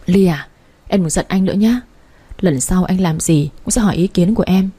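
A woman's voice: lowish voice, normal speed, dark tone, slightly rough. A woman voicing an anxious, earnest young man in a storybook reading. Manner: fretful, pleading.

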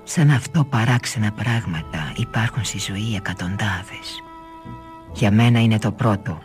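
A man's voice: on the low side, soft background music, lightly acted. A narrator voicing a wary, gloomy man who plays the accordion, speaking sternly, in a radio novel reading.

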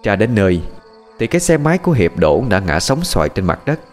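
A man narrating a ghost story in a lively, expressive way. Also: on the low side, brisk. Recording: faint music and night crickets behind.

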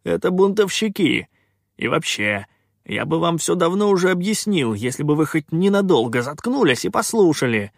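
A man's voice: medium pitch, very animated, moderate pace, gravelly, a bit bright, dry recording, studio quality, heavily acted. A man voicing a cocky, sarcastic male pirate captain who snaps back with irritated scorn. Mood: scornful. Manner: scornful, irritated, coolly offhand.

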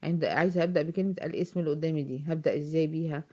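A woman with an Egyptian accent teaching a tajweed lesson, often asking her students questions and slowly drawing out example words. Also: sits low, steady tone, warm tone, highs cut off. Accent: Egyptian Arabic. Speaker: Quran recitation teacher. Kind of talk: tajweed lesson explaining grammar.

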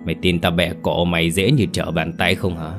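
A man's voice: deep voice, flat delivery, over music. A man voicing a woman possessed by a savage male spirit. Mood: menacing. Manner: gruff, slow, threatening, crude insults.

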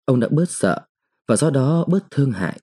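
Man, story narration, measured, mellow, husky. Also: medium pitch, big pitch swings. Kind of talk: scripted short-story narration.

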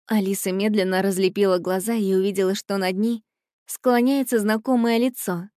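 Brief: woman audiobook narrator, mid-pitched, expressive reading, dry close mic. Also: normal speed, no room sound. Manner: expressive, voices the characters in quotes.

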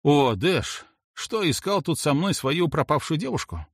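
A man's voice: a little high, big pitch swings, measured pace, husky, dry recording, studio quality, pitched above the performer's own voice, full character voice. A smug young slacker sneers and needles, his voice lifted a little above the reader's own and full of teasing swings. A man voicing him in an audiobook. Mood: mocking. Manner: mocking, provocative.

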